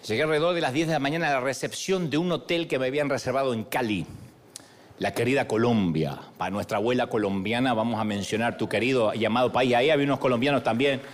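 A man's voice: medium pitch, fast. A man with an Argentine accent giving a humorous, sermon-style talk, telling stories in a playful, self-mocking way. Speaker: motivational speaker.

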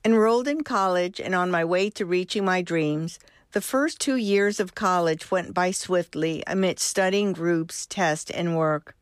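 A woman in her sixties from Cuba, hosting a podcast and reading her own memoir in a gentle, measured way. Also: lowish voice, no echo, studio quality. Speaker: host and storyteller.

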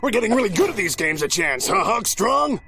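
A man's voice: high-pitched, big pitch swings, brisk. A man voicing a crude, cocky barbarian. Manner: cocky, blunt and loud. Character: brash crude male barbarian warrior.

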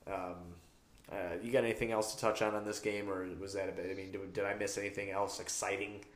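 A man's voice: on the low side, flat delivery, fast. A man hosting a sports podcast in casual, rambling, profane chat, tired after drinking, recorded in a bathroom with heavy echo. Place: small tiled bathroom.

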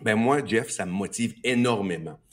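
Husky, low-voiced Québécois political guest. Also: male voice, moderate pace. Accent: Québécois French. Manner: emphatic and animated, building arguments with repetition. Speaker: political guest, party health spokesman. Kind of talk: political talk radio interview.

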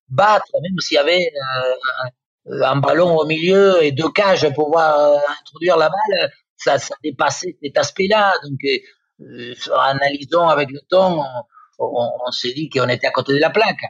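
A man's voice: on the high side, moderate pace, vocal fry, slightly rough, no room sound. Argentine man, dull dry sound. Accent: Argentine Spanish. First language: Spanish. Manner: hesitant, many fillers and restarts. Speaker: guest pundit, former footballer. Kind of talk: radio football talk.

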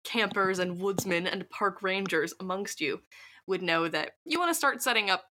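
A woman's voice: medium pitch, normal speed, sharp tone, slight background noise. A woman narrating as game master of a tabletop game, chatty with many fillers and asides.

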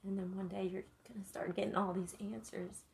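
A woman, a mother talking with her son in a casual heart-to-heart chat, gentle, earnest and encouraging, speaking of faith. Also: mid-range voice, level tone, brisk, vocal fry, a little hiss or hum.

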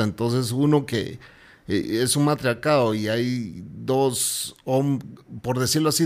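Blunt, teasing podcast co-host. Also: male voice, medium pitch. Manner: blunt, teasing, laughs often. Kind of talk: casual podcast banter.

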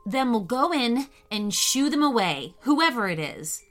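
A woman voicing a brave, bossy little girl who leads her friends in an urgent, hushed way. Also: a little high, sing-song, measured pace, faint music behind. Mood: determined. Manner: urgent, whispery.

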